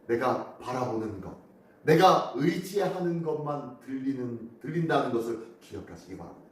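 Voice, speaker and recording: A man preaching a dawn sermon as pastor, animated and asking the congregation questions, recorded by a phone camera from a distance. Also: mid-range voice, normal speed. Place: church sanctuary. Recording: echoey room from far off.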